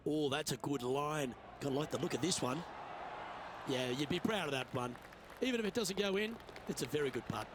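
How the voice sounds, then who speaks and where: A man's voice: on the high side, brisk, a crowd in the background. A man working as lead golf commentator in a video game, giving brief, upbeat calls on each shot. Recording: clear background noise and ambience.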